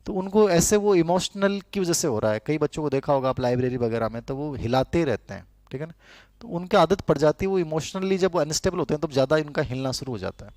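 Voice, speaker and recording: This classroom lecture comes from a middle-aged man who chats with students and repeats key terms so they can take dictation. He speaks fast with lively intonation in a voice a little high and a little mellow, and no room sound comes through.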